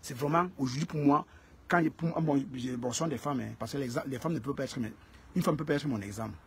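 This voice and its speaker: A man's voice: mid-range voice, fast talker, slight background noise. A man hosting a casual live stream, greeting viewers by name and repeating phrases for emphasis.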